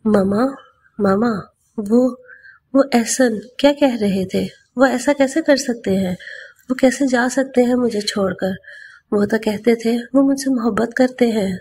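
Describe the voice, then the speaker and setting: A woman's voice: fairly high pitch, warm tone, slightly rough. Desperate young wife pleading, read by a woman. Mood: pleading, distraught. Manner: pleading, broken phrases.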